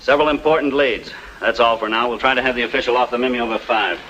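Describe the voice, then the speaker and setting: An actor playing a brisk, commanding police lieutenant in a 1940s film, curt with the press. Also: male voice, mid-range voice, pushed and bright, dull audio, a little hiss or hum, lightly acted.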